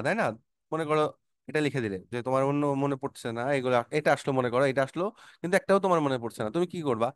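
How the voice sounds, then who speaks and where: A man's voice: fairly high pitch, dry recording, studio quality. A man teaching a vocabulary lesson, calling out word lists with emphatic stress and explaining them patiently to students.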